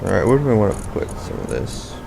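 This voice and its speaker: Young man rambling, gravelly low voice. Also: very animated, fast talker, background noise. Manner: rambling, self-correcting. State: out of breath. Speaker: gameplay commentator. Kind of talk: casual gameplay commentary.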